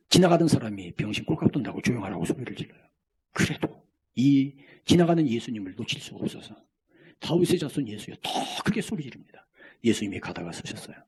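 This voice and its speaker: A man preaching a sermon as pastor, swinging between near-shouts and hushed whispers. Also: lowish voice, slightly rough.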